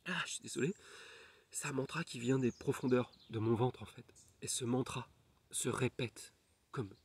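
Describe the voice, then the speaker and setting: A man's voice: medium pitch, normal speed, husky. A man, a hypnotherapist, tells a personal story in French with many fillers and restarts, often dropping to a near whisper. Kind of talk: personal testimony.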